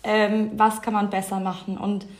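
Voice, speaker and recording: A woman's voice: medium pitch, flat delivery, normal speed. A woman in her thirties from Switzerland with a Swiss accent, a company co-founder chatting as a podcast guest with many fillers and frequent laughs. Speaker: fashion label co-founder, guest. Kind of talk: casual podcast interview.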